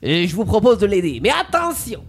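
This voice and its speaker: A woman voicing a smooth male nightclub boss who speaks slowly and suavely during a live mystery game. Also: mid-range voice, sing-song, faint music behind.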